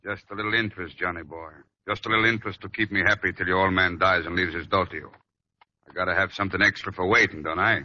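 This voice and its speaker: An actor playing a ruthless gangster loan shark, with tough, sneering talk in a 1930s radio drama style. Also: male voice, sits low, fairly even intonation, fast talker. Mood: menacing. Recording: dull lo-fi old radio recording with faint noise.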